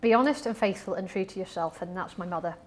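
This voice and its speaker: A woman guest in a casual interview during a hot wing challenge, speaking haltingly with many restarts. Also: mid-range voice.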